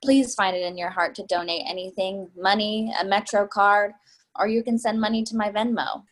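A woman's voice: high voice, sing-song, moderate pace, husky, heavily acted, rough recording. A woman acts out a middle-aged woman begging from train passengers. The plea sounds practiced and aims for sympathy, delivered as readers theatre drama. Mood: rehearsed pleading. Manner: sympathetic but rehearsed pleading. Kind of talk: readers theatre stage reading.

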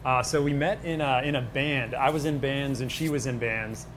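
A man's voice: mid-range voice, moderate pace. A man from the Buffalo area of New York, a restaurant owner, chatting casually and informally in an interview. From Buffalo area, New York, United States. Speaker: pizza restaurant owner and bartender. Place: on location at his restaurant. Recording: noisy location with background ambience.

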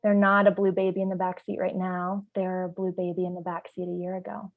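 A woman's voice: on the low side, level tone, a little fast, narrow, tinny audio. A woman who works as a parent trainer, talking in a podcast discussion. She searches for words as she reasons through ideas and grows vivid when she tells a story.

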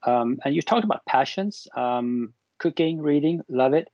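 A man's voice: on the high side, expressive, unhurried, a little mellow, no echo. A man from Sweden chatting casually as a panel guest, jokey and self-deprecating. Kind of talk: casual podcast chat. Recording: dull lo-fi remote audio.

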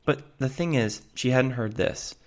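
A man co-hosting a comedy podcast, describing absurd things in a dry, deadpan way. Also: mid-range voice, measured pace. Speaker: podcast co-host. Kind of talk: casual comedic chat.

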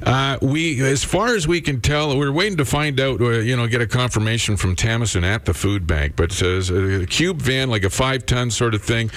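A Canadian man hosting morning radio, chatting casually and appealing to listeners in a halting, think-aloud way. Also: mid-range voice, a bit bright. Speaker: radio host.

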